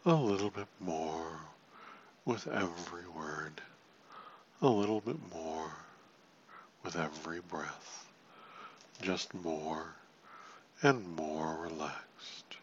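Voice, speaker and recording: Very slow, low-voiced man guiding hypnosis. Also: highs cut off, slight background noise. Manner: soothing, repetitive, hushed at phrase ends. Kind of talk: guided relaxation hypnosis.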